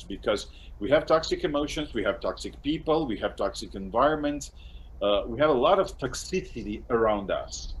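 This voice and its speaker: A middle-aged Serbian-accented man, who translates courses and here hosts the interview, talks in English, his second language, over a webcam on a casual video call from an indoor home room. He stumbles and restarts often, laughing softly between phrases, in a mid-range voice. Sound quality is poor, with slight background noise.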